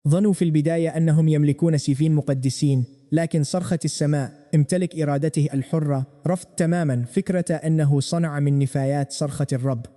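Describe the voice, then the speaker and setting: A male narrator retells a fantasy comic in first person, scripted and dramatic. He talks very fast in a slightly high register. His voice has a deep, dark colour. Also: fairly even intonation. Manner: dramatic, rapid storytelling.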